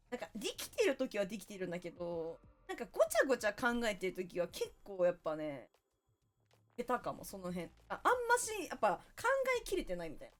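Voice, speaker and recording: A woman game streamer, chatting casually and thanking viewers one by one. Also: mid-range voice.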